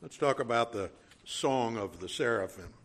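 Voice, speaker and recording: A man with a Cajun accent preaching a sermon, teaching in a measured way and driving points home through repetition. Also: medium pitch, expressive. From Louisiana.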